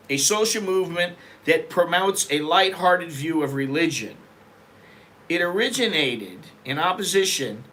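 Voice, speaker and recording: A middle-aged man from America talks in a loose, rambling vlog style, blunt and quick to swear. His voice sits a little high and rings bright and forward. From United States. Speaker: vlogger. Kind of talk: casual opinion vlog. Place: living in Bangkok.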